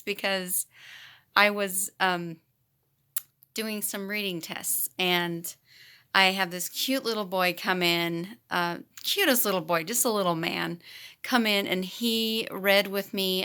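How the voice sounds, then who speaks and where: Bright-voiced woman telling a funny story. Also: mid-range voice, clear, resonant tone. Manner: animated, laughs often while telling. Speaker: teacher and vlogger. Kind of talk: casual storytelling to camera.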